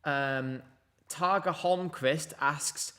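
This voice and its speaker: A man's voice: on the high side, extremely slow, bright, forceful tone. A man hosting a casual live stream from home, chatting, laughing often and reading out viewer messages. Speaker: livestream host.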